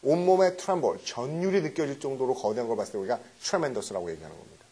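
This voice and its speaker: Husky, lively male vocabulary lecturer. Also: mid-range voice, brisk. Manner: quizzing students with questions and "그쵸?" tags; mixes English words into explanations. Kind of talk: recorded lecture.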